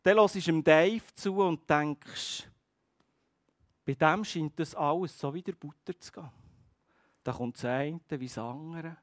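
A man preaching a sermon, earnest, speaking straight to his congregation and slowing on key phrases. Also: a little high, no room sound, clean studio sound. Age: adult with a child.

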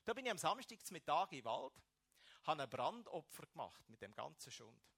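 A man's voice: a little high, big pitch swings, moderate pace, vocal fry, a bit bright, husky. A man with a Swiss German accent telling his personal faith testimony to an audience, emotional and with emphatic bursts. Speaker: speaker giving a personal testimony.

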